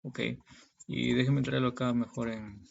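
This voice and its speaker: A Peruvian preacher and Bible teacher reads verses and explains them in a gravelly, creaky voice, keeping a fairly flat, mid-pitched line at a slightly slow pace. His didactic delivery is dotted with check-in tags like "okay" and "right." The sound is dull and lo-fi.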